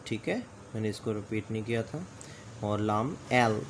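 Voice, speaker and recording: A man's voice: fairly low pitch, normal speed, noisy background. A man teaching the letters of a script, speaking patiently and politely and sounding out each letter aloud for the learner to repeat. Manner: says "ji janab" often, polite. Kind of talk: slow alphabet lesson.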